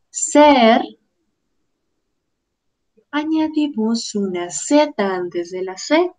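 A woman leads a grammar lesson in a slightly high voice, speaking slowly and deliberately. She drills each word in turn with the patience of a teacher. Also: darkish tone, rough recording. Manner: careful, drilling word lists. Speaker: Spanish teacher.

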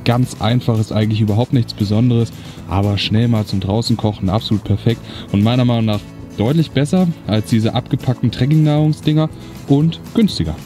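A young man vlogging outdoors talks casually to camera among the trees, easygoing and colloquial. He has a medium-pitched, dark-toned voice and speaks fairly quickly, with faint music in the background.

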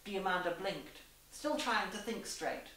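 A young woman in costume, acting as reader and host, gives a theatrical, deliberate dramatised reading of fan fiction. Her bright, sharp, medium-pitched voice is expressive, with emphatic character dialogue. She's in a small, plain indoor room, and the distant camera mic picks up a roomy echo.

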